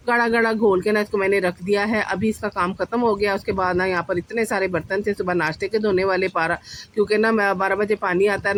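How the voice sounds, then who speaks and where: Chatty woman cooking vlogger. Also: medium pitch. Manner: chatty, addresses viewers as "janab", many fillers. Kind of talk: casual cooking vlog narration. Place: home kitchen.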